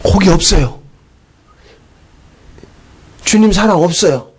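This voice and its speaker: A middle-aged male pastor giving a conversational sermon, chatty and animated, acting out voices as he goes. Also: high-pitched, slow pace, slight background noise.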